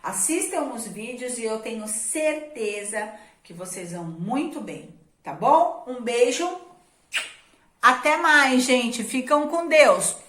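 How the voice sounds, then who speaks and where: A woman's voice: fairly high pitch, lively intonation, a bit bright, slight background noise. A woman teacher, giving an online spelling lesson and drawing out each example word. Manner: drawn-out, stressed example words. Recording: echoey room.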